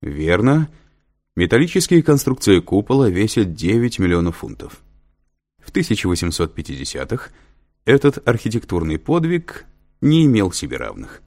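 A man's voice: lowish voice, sing-song, moderate pace, a little mellow. A man reading an audiobook, voicing a patient male professor who explains and lectures with dry humor. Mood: lecturing. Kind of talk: audiobook character voice.

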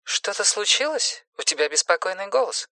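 An anxious middle-aged woman in an audiobook speaks quietly and softly, her voice pitched high and rising with worry, as a male narrator puts her on. The sound is close and dry, with no room around it. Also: lively intonation, normal speed, no echo, exaggerated voice. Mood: worried. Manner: soft, worried, rising pitch.

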